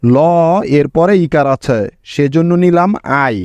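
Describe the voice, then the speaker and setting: A man giving a spelling lesson at a very unhurried pace, breaking each word down letter by letter. His voice sits somewhat high. It is recorded close and dry, with no room echo. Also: a little mellow. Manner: patient, explains letter by letter, checks in with students. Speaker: English spelling teacher. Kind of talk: slow step-by-step spelling lesson.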